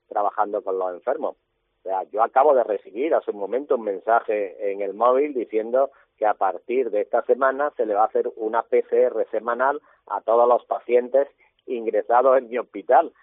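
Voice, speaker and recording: In a radio phone interview, a hospital doctor with a husky, lowish voice talks about his hospital work, sounding indignant and firing off pointed rhetorical questions. The thin, tinny phone line is dry, with no echo or room sound.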